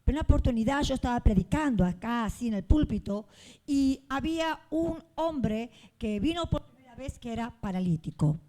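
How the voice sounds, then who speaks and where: A woman's voice: a little high, lively intonation, normal speed, warm tone. A woman pastor, preaching a fervent sermon in a church and acting out the people in her stories.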